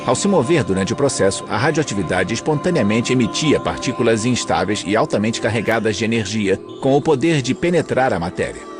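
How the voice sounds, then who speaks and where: A man's voice: medium pitch, animated, brisk, hardly any pauses. A man with a Brazilian accent reading scripted documentary narration as a dubbed voice-over. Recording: music under the voice.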